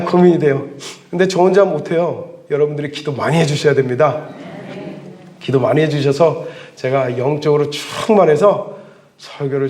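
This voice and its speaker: Korean pastor guy preaching in church, fairly high voice, lively storytelling w dramatic pauses. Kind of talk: sermon.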